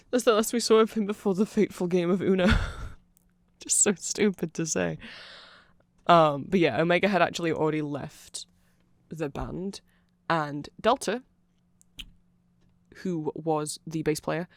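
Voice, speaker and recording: Fan lore gets a rambling ASMR explanation from a person whose sex is hard to tell, who grows flustered often, trails off, and corrects themselves with amused enthusiasm. The mid-range voice moves a little slowly, with no room sound.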